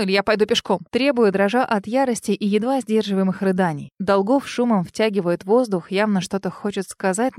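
A woman's voice: mid-range voice, darkish tone, no echo. Dry-voiced woman narrating. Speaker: audiobook narrator. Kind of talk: first-person scripted narration.

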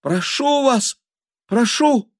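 A man voicing a timid, trembling noblewoman in an audiobook, with a thin, squeaky voice. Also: unhurried, creaky, fairly bright tone, no room sound, clean studio sound, heavily acted. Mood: pleading. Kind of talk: audiobook character voice.

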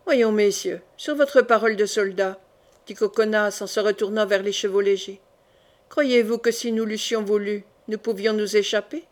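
A woman's voice: mid-range voice, fairly even intonation, moderate pace, lightly acted. A bold young swordsman at court, gallant and playfully insolent before his king, as a woman reader puts him on. He talks with a grin in his words and bows with mock humility. The storybook voice stays near the reader's own. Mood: cheeky. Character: bold, cheeky young male soldier courtier.

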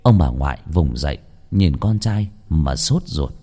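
A man narrating a ghost story in a measured, dramatic storytelling manner. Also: a bass voice, expressive, dark tone, slightly rough. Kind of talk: scripted horror narration.

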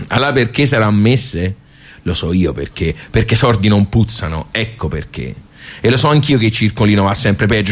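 In a theatrical radio monologue, a male actor with a Tuscan Italian accent voices a talkative local who regularly haunts the social club. His natural, low voice wanders through homely colloquial speech, wry and rueful, as he asks himself questions and then answers them.

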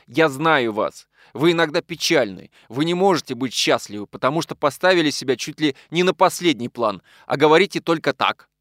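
A man's voice: on the high side, lively intonation, fairly quick, hardly any pauses, fairly bright tone, no echo, clean studio sound, pitched above the performer's own voice. A man reading an audiobook, voicing a tender, emotional young woman in an earnest, pleading tone. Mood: gentle.

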